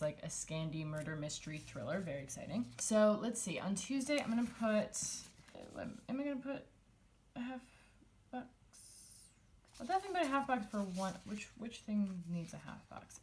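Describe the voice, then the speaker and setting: A woman's voice: on the low side, darkish tone, slight background noise. A young woman talking casually as she decorates a planner, thinking aloud and rambling with many likes and ums. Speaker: planner vlogger.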